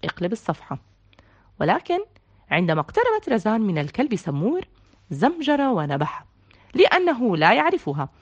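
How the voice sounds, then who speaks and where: Children's storyteller, high and very animated woman. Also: fairly quick, highs cut off. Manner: expressive, page-turn cues. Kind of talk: reading a children's picture book aloud.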